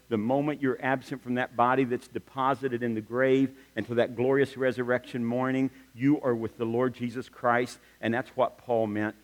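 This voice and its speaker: A middle-aged man preaching a sermon as pastor, telling stories with humorous asides and lively emphasis. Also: mid-range voice. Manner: animated storytelling with humorous asides. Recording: long reverb of a large hall.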